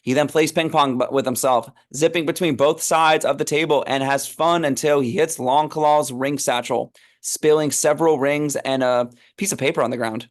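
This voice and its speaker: A man's voice: a little high, fairly even intonation, normal speed, few pauses. A man narrating a script read, reading stage directions aloud in an informal, amused way.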